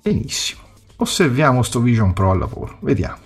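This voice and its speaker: A man's voice: mid-range voice, very animated, a little fast, soft background music. An Italian man commenting casually on a live event among friends. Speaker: panelist. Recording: clear background noise and ambience.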